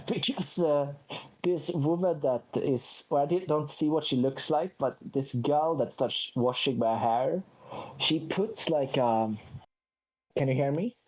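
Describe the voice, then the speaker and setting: A man's voice: fairly high pitch, slow, dull audio. A man from Sweden, telling a long anecdote in a casual chat, with self-mocking asides and quoted voices.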